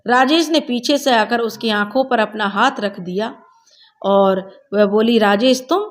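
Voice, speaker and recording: A woman storyteller reading a family story aloud in a plain, steady way with small slips. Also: on the high side, unhurried.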